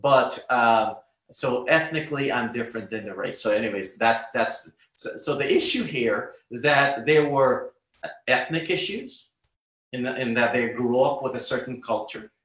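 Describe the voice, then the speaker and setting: Preacher from Guyana, male, measured sermon delivery, mid-pitched voice in a reverberant room. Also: a bit bright. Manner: emphatic, deliberate teaching.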